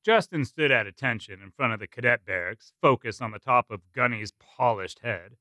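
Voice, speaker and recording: A man narrating a written story in a measured, expressive reading style. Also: mid-range voice, dry recording. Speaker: story performer. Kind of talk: scripted narration.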